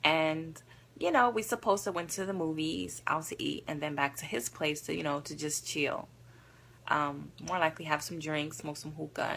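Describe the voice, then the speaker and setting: A woman vlogger casually telling a dating story to her viewers, candid, animated and full of profanity. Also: sits low, gravelly, breathy edge.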